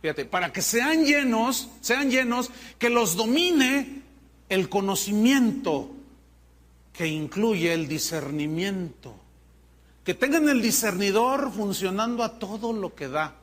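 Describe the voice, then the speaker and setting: A man preaching a sermon as pastor, in an animated, mocking way. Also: sits high, slow.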